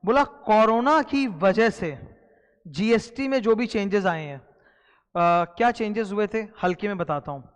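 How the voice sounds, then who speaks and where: A man with an Indian accent and a notably high voice, teaching exam candidates in a casual lecture. He talks to students directly, mixing in English terms and repeating key points. His voice rings with a long reverb in the room. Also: animated, measured pace, clean tone. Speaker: exam tutor. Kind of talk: recorded lecture explaining a syllabus.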